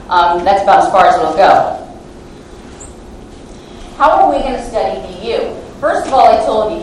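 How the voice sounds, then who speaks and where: In a big lecture hall, a female lab scientist speaking as a guest lecturer delivers an academic lecture through a handheld microphone, hesitant and self-deprecating, full of fillers. Her pitch is on the high side. The recording is echoey with a distant mic and faint hiss or hum.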